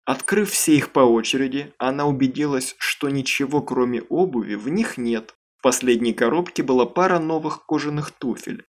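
Man narrating an audiobook. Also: medium pitch. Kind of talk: scripted narration.

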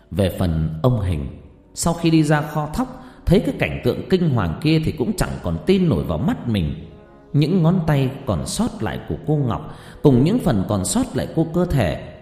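A man narrating a ghost story in a dramatic, expressive storytelling manner. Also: medium pitch. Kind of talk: scripted narration. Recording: roomy reverb with music.

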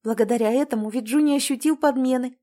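A woman voicing an emotional young sister, pitched high. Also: fast talker, warm tone, lightly acted. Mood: earnest. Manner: emotional, exclaiming. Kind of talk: audiobook character voice.

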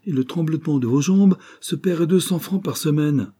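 A man's voice: a little high, warm tone, breathy edge, voice pushed up. A man voicing a blunt, hearty male police inspector in an audiobook reading. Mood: brisk. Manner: blunt, brisk.

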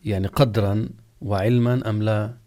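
A man, an Islamic scholar, giving a religious lesson and explaining rulings slowly and deliberately, drawing out example words as he pronounces them. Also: fairly low pitch, steady tone, dark tone. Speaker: Islamic scholar teaching jurisprudence. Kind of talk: religious lesson, question-and-answer.

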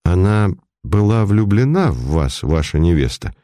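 A man voicing a calm police chief detective with dry humor, asking questions evenly. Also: sits low, moderate pace, no echo.

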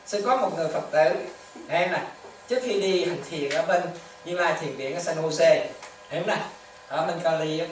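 A Buddhist monk giving a dharma talk to lay followers, with repetitive, animated storytelling and rhetorical questions. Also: medium pitch, moderate pace. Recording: echoey hall, distant mic, faint ambience.

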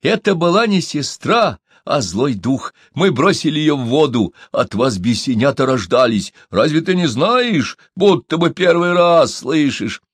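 A man voicing angry male villagers who shout harsh, jeering threats. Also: on the high side, very animated, unhurried, few pauses, slightly rough, no room sound, studio quality, voice pushed up, exaggerated voice.

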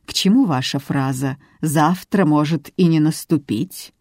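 A woman's voice: low-pitched, unhurried, no echo, clean studio sound. Woman voicing a haughty widow. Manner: haughty, sharp. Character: haughty widow, mistress of the house.

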